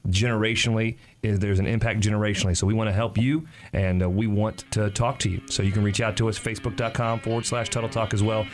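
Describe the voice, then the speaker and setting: A man's voice: lowish voice, fairly even intonation, fast talker, few pauses, soft background music. A man hosting a radio talk show, speaking in an enthusiastic, effusive manner.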